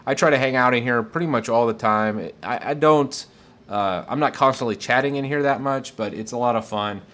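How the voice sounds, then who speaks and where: A man's voice: medium pitch, fairly quick, fairly bright tone. A man casually answering viewer questions on a live tech stream, enthusiastic and rambling with fillers.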